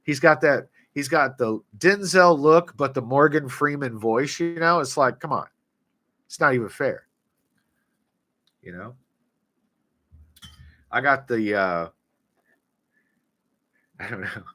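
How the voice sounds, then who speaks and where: A man hosting a casual livestream monologue, talking bluntly and profanely with animated sarcasm. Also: mid-range voice, slow pace, pauses often. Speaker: livestream host and author.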